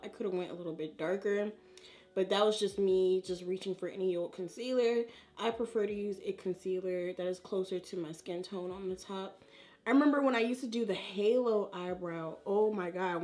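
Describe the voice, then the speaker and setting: Her voice sits on the low side and is a little mellow. This beauty vlogger talks to her audience like friends in informal slang as she applies makeup for a tutorial.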